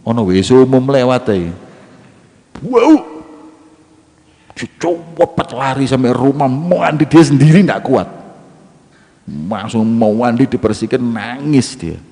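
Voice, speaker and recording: A man's voice: medium pitch, a little slow. A male preacher, telling a story in a sermon with slang and jokes. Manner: lively, mixes in local slang and jokes. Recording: long hall reverb.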